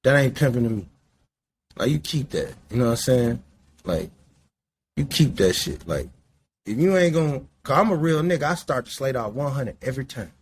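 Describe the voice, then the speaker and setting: A man's voice: medium pitch, animated, moderate pace, a little hiss or hum. Man in his late forties, podcast host, loose street talk, rambling, profane. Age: 40s. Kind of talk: casual monologue. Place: indoors, smoking while talking.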